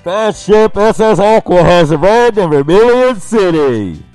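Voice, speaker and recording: A man putting on the voice of a formal ship announcer speaking over a PA system, slow and loud. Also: high-pitched, lively intonation, faint music behind, pitched above the performer's own voice. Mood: announcing. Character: ship's loudspeaker announcer, adult man, formal. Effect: put-on PA system announcement voice. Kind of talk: gameplay commentary.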